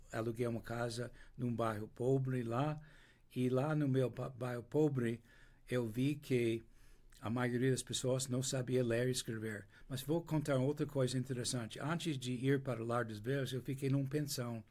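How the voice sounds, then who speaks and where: An older American interview guest, English-speaking by birth, uses Portuguese with an American accent to tell his story. The pace is slow, with many restarts and pauses as he looks for words; his voice is medium in pitch, fairly even in intonation, and a little mellow.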